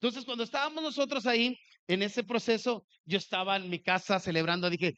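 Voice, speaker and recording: A man preaching a sermon, telling a personal story with animated delivery and acting out the dialogue. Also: high-pitched, brisk, smooth, highs cut off.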